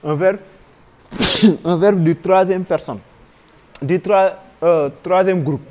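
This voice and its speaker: A man's voice: high voice, slow, darkish tone. A man with a Senegalese French accent teaching a grammar lesson, patiently spelling out verb forms one by one.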